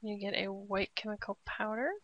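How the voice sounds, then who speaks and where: A woman casually narrating a game walkthrough step by step, relaxed and prone to laughing. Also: mid-range voice, moderate pace, a little hiss or hum. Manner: relaxed, laughs often, cheers at a blast. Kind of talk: casual gameplay commentary. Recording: dry, slightly dull lo-fi.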